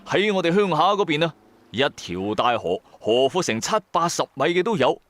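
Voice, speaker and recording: Speaking at a moderate pace in a slightly high voice, a Cantonese-accented man tells an audio drama in a lively, colloquial first-person style. He keeps breaking off for chatty rhetorical asides to listeners, and there's no room sound at all.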